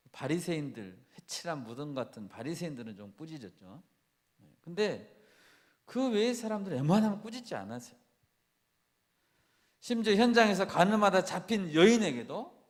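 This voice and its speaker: A male pastor delivers a sermon in a somewhat high voice, putting question after question to his listeners. He acts out quoted speech with mounting force. A long church reverb trails after his words. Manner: asks the congregation questions and acts out quoted speech with rising intensity. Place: church sanctuary.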